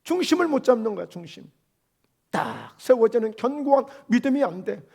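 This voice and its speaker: A man preaching from the pulpit in a very high-pitched voice. He drives his points home with rhetorical questions and mock scolding, building to emphatic peaks. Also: very animated, moderate pace, vocal fry, a little mellow, breathy edge. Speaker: pastor. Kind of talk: sermon.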